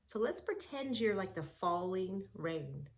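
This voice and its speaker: With a medium-pitched, sing-song voice and an unhurried pace, a woman guides preschoolers through a read-along story with yoga poses. She keeps things simple and encouraging, talking directly to the young child.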